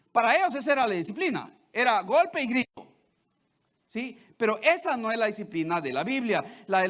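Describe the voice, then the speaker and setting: A man's voice: very high voice, a bit bright. A man preaching a sermon to his congregation, often checking in with "¿verdad?" and "¿sí?". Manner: repeats "¿verdad?" and "¿sí?" to the congregation, with many restarts.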